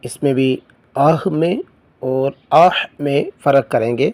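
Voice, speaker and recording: A man teaching Quran reading. He drills syllables in a slow chant, then explains quickly in a lower voice. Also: darkish tone, no room sound.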